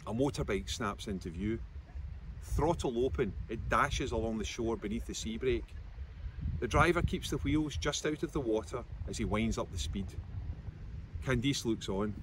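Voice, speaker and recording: Outdoors beside a seafront concrete wall, a Scottish man in his fifties reads narrative prose from his own book. His voice is medium in pitch and moderately paced, with background noise audible in the recording.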